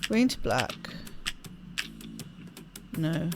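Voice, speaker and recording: A woman with a low, sing-song voice reads game story text extremely slowly for a let's play. She gives the lines expressive readings and adds spontaneous, casual asides as she plays, with game music in the background.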